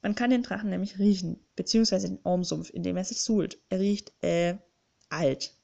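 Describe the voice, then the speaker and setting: Woman voicing a snuffling male bookling, explanatory, hesitant, slightly gravelly, storybook audiobook. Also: on the low side, steady tone, moderate pace, darkish tone, dull audio. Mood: explaining. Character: sniffing male bookling giving directions. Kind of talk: audiobook character voice.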